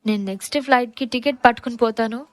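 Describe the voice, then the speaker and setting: Woman doing a playful young husband for an audio story, sarcastic banter, voice pitched high. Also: rapid-fire, no echo, natural voice. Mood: teasing. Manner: bantering, mock-exasperated.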